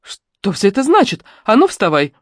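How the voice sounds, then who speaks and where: A woman's voice: on the low side, animated, brisk, a little mellow, dry recording, studio quality. Woman voicing a brusque, commanding stern woman. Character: tall stern grown woman, rough but protective.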